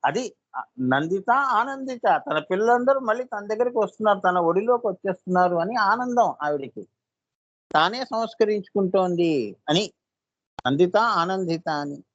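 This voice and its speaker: A man's voice: sits high, expressive, moderate pace, dry recording, highs cut off. A man teaching as a spiritual guide in a devotional discourse, often asking his listeners rhetorical questions and acting out what devotees might say. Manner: acts out short quoted voices of devotees.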